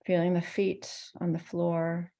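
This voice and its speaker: A meditation teacher guides listeners in a slightly low, mellow voice that's soft-edged and quite creaky. She goes slowly and gently, keeping a level tone and pausing between phrases to soothe.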